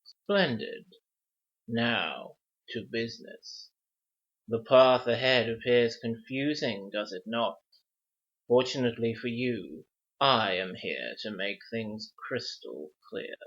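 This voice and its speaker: An actor playing a formal, teasing wizard who speaks measured riddles in a fantasy adventure drama. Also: male voice, medium pitch, a bit bright, dull audio. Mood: smooth, courteous.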